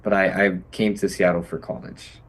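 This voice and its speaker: Deep-voiced young man, hesitant. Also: level tone, moderate pace, fairly bright tone. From Hawaii. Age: young adult. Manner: hesitant, many ums and likes. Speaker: college student. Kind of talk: casual video-call chat. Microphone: video call.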